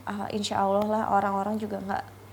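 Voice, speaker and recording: A young woman guest in a casual interview, telling a personal story in an animated way and acting out the voices of the people she quotes. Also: brisk, gravelly, a little hiss or hum. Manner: animated, acts out quoted voices with big pitch jumps.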